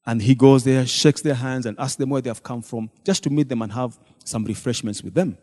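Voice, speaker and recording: This man's voice is mid-range, mellow and a little fast. He's a deacon retelling a church meeting to the congregation as testimony, voicing each person he quotes, and the recording carries long hall reverb.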